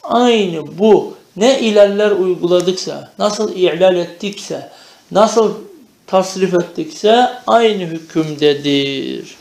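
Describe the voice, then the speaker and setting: A man with a somewhat high, gravelly voice teaching a traditional Arabic grammar lesson. He recites verb forms in rhythmic chanted drills. Between them he explains in Turkish and keeps checking that his students follow. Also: takes it slowly, darkish tone, roomy sound.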